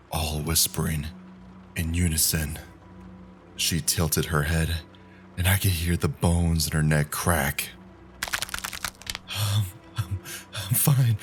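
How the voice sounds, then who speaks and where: A man narrating a horror story in a measured, grim, scripted style. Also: rumbling low.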